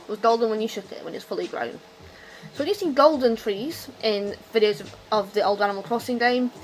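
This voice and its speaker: A woman's voice: fairly high pitch, brisk, poor audio. A drunk woman on a rambling, unscripted rant about her hobby, loose-tongued, opinionated and emphatic in an exasperated way. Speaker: video game commentator.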